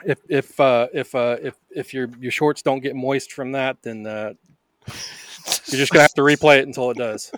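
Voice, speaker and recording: A man's voice: mid-range voice, steady tone, normal speed, fairly bright tone, no echo, clean studio sound. A man as a podcast guest, playful in casual chat, with stumbling restarts.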